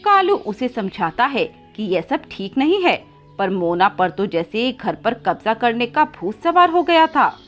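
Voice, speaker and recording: A woman tells a children's cartoon fable in a scripted, expressive way. Her voice is high and lively, rising and falling as she goes, with faint music under it. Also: a little slow, dull audio. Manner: expressive storytelling. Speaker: storyteller.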